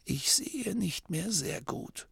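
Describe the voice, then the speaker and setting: A man voicing a frail, dying old gnome abbot who can barely speak above a breathy whisper. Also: high-pitched, sing-song, slow pace, fairly bright tone, dry recording, voice pushed up, full character voice. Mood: weary. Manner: faint breathy whisper, weary and dry-witted.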